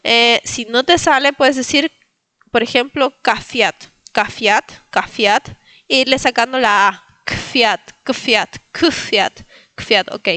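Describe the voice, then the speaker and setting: A woman from Latin America teaches pronunciation, patiently repeating each word slowly for her learners. Her voice is bright and slightly high. It is recorded close and dry, with no room sound. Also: no room sound. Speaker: Polish language teacher. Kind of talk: pronunciation lesson.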